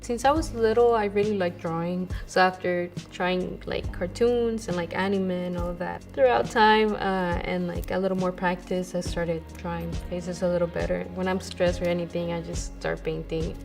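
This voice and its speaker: A young woman from Honduras speaks in a soft, reflective way, her voice a little low. Clear music plays underneath as in a tribute video. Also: steady tone, moderate pace, hardly any pauses. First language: Spanish. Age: young adult. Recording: music bed behind voice.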